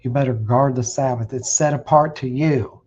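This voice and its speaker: A man's voice: medium pitch, moderate pace, darkish tone, rough recording. A man preaching bluntly on a stream, warning listeners and reading verses aloud with restarts. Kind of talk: streamed scripture teaching. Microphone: streaming setup.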